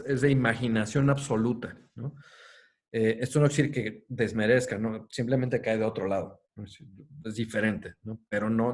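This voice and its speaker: Man lecturing on a text, animated. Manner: lively delivery with many fillers, slows and lifts pitch on quoted lines. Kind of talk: academic lecture, reading and explaining a text.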